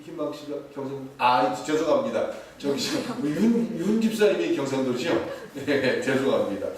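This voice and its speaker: A man preaching a sermon as pastor, lively and playful, mimicking short dialect phrases. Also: on the high side. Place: church sanctuary. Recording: echoey, distant, faint hiss.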